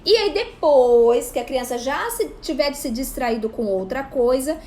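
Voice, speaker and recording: A woman in her thirties, a psychopedagogue, giving casual parenting advice to camera in an animated way. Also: sits high, unhurried, slight background noise. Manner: animated, acts out parent and child voices. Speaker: psychopedagogue and parenting channel host.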